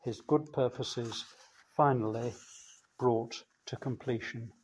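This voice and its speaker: Slow, measured male preacher. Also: mid-range voice, fairly even intonation, darkish tone, slight background noise. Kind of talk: sermon.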